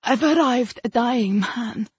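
A woman's voice: a little high, slow, darkish tone, breathy edge, no room sound, voice pushed up, full character voice. A woman voicing a wounded, dying male warrior who speaks in a faltering, strained way. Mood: weak. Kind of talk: audiobook character voice.

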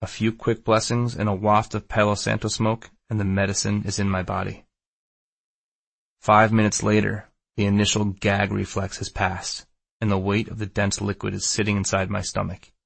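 A male audiobook narrator reads a first-person account with little rise or fall. His low voice has a creaky edge, is recorded very dry, and stays measured and understated. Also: monotone, no echo.

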